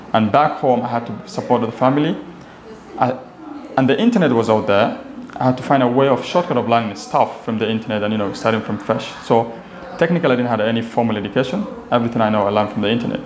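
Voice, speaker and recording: Telling his own story casually as an interview guest, a young adult from Somalia speaks with a Somali accent, Somali being his native language. His medium-pitched voice is a little mellow, recorded in an echoey, glass-walled office lounge with faint background noise.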